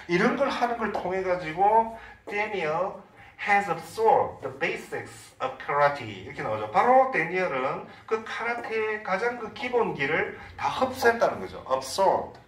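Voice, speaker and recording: High, lively Korean English teacher. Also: male voice, echoey room, recorded from a distance, slight background noise, low-quality recording. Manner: explains in Korean, reads English lines slowly. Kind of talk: online lecture.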